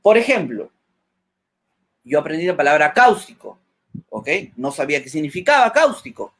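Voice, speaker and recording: Lively high-voiced man giving speaking tips. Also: normal speed. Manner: checks in with "¿ok?" after nearly every point; acts out example lines in a changed voice. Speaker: guest speaker on public speaking. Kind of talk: webinar advice talk.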